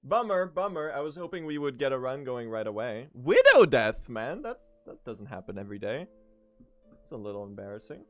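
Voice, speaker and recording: Young male streamer from Sweden, jokey running chat over gameplay, animated delivery. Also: medium pitch, fairly quick, faint music behind. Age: young adult. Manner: joking, talks to chat while playing. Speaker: speedrunning streamer. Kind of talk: casual live-stream chat.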